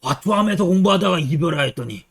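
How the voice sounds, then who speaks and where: A man reading the lines of a grieving old father from a classic tale in archaic formal speech, slightly higher and with a changed tone. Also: expressive, fast talker, vocal fry, fairly bright tone, husky, full character voice. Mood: sorrowful.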